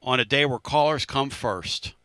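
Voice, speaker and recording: A man's voice: mid-range voice, normal speed, sharp tone, smooth, no room sound. A man hosting a sports talk radio show, telling a story in a casual, emphatic way and repeating phrases.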